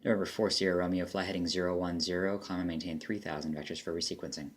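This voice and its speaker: Fast-talking deep-voiced man. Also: flat delivery. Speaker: air traffic controller player and demo narrator. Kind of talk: clipped radio phraseology with casual commentary.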